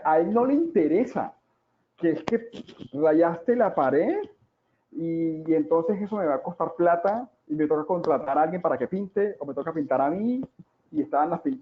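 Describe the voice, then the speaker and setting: A man in his forties giving a talk on child development, dramatic and full of rhetorical questions and drawn-out repetitions. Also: fairly high pitch. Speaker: parenting educator. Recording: tinny, phone-like sound.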